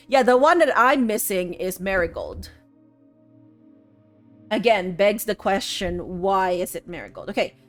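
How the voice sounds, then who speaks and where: A woman streaming a puzzle game, thinking aloud and chatting with her viewers in a sleepy, musing way. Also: mid-range voice. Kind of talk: casual gameplay commentary.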